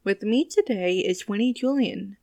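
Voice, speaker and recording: A woman's voice: mid-range voice, normal speed, mellow, no room sound, clean studio sound. Woman host opening a podcast. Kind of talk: scripted podcast introduction.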